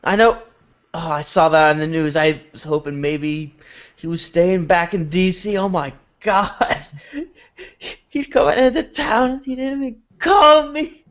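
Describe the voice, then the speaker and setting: A man's voice: a little high, unhurried, muffled recording, close to an everyday voice. A man voicing a distraught, washed-up town drunk and hurt father in improvised role-play, whiny and overwrought. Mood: hurt, despairing. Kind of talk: improvised role-play at a live tabletop game.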